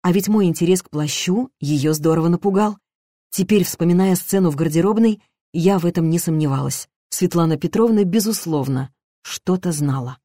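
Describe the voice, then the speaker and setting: A woman narrating a first-person story in a measured, reflective way. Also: lowish voice, mellow, no echo, studio quality. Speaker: audiobook narrator.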